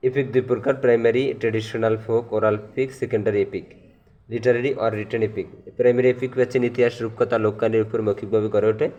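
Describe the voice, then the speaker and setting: A man with a Bangladeshi accent teaching a lesson, reading out terms one by one and explaining each, moving between English terms and Bengali, with drawn-out fillers. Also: lowish voice, darkish tone, muffled recording.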